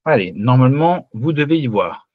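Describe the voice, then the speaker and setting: A man's voice: medium pitch, moderate pace, no room sound, narrow, tinny audio. A man teaching a live online class who walks through a spreadsheet and keeps asking "d'accord?" to check the students are following. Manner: lively, checks in often with "d'accord?". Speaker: finance teacher.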